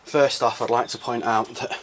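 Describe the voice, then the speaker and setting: A man with a croaky voice, casually explaining a car modification for his vlog, thinking aloud with plenty of uhs and ums. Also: medium pitch, fairly even intonation, normal speed, slight background noise. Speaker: car modding vlogger.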